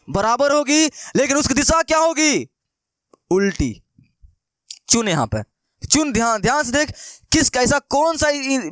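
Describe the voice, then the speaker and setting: A man's voice: very high-pitched, fairly bright tone, clean tone, no room sound, studio quality. A young man teaching a maths lesson in with a lilt, coaxing and repeating questions to his students. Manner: coaxing, repetitive, keeps asking students questions.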